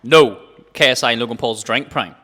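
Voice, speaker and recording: A man with a bright, sharp-edged voice, heard with long reverb. He chats casually as a podcast co-host. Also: mid-range voice, fairly quick. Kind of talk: casual banter and product chat. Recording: reverberant, hall-like room echo.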